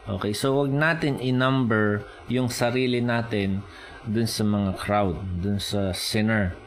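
A man preaching a sermon in mixed Filipino and English, explaining slowly and often checking in with his listeners. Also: lowish voice, fairly even intonation. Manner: Taglish preaching, slow and explanatory, rising with emphasis.

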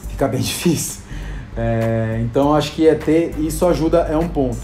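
A Brazilian man who makes videos and works as a hospital clown tells stories in a casual chat, with a Brazilian Portuguese accent. His voice is fairly high and warm at a moderate pace, reverberant, with faint music behind, and he uses many fillers and acted-out quotes.

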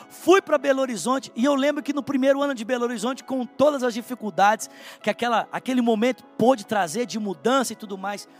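Brazilian pastor guy, really high voice w some gravel, earnest sermon storytelling, soft music behind. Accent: Brazilian Portuguese. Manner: earnest, heartfelt storytelling, speaks straight to the listener. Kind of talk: sermon with personal testimony.

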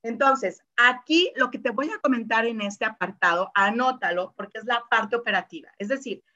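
A woman's voice: on the high side, normal speed, pushed and bright, highs cut off. A woman giving a casual informal lesson, chatty, full of fillers and tag questions, acting out quoted voices. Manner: acts out voices in quoted asides. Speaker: presenter explaining personality colors.

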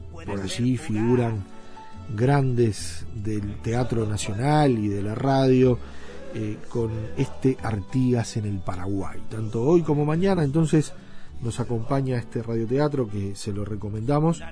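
A man with a Uruguayan accent hosts a radio show, speaking at medium pitch and a measured pace. His phrasing is loose and conversational, like an introduction, with music playing in the background.

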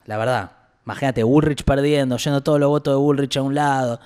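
A man's voice: mid-range voice, fairly even intonation, fairly quick, darkish tone, smooth. A man with an Argentine Rioplatense accent, co-hosting a casual political chat, blunt and exasperated, swearing freely. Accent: Argentine Rioplatense Spanish. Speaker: political podcast co-host.

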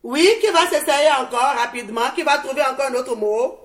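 A woman teaching young pupils on a televised lesson, speaking slowly and encouragingly in a studio classroom. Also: sits high. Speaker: primary school teacher.

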